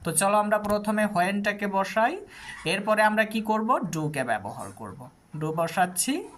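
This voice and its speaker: A patient tutor giving a scripted English lesson, building each sentence step by step and saying the examples slowly. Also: mid-range voice, animated, a little hiss or hum. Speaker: English teacher.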